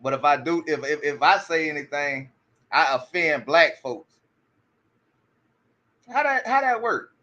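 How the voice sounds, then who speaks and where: Man, casual commentary, bright forceful tone, stammering restarts, rhetorical questions, muffled lo-fi sound. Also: on the high side, lively intonation, measured pace, long pauses. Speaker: commentary streamer.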